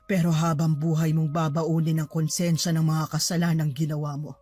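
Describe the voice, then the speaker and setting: A woman's voice: deep voice, little pitch movement, moderate pace, dark tone. A woman voicing a cold, vengeful older mother who accuses and preaches in a dramatized horror story. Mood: stern.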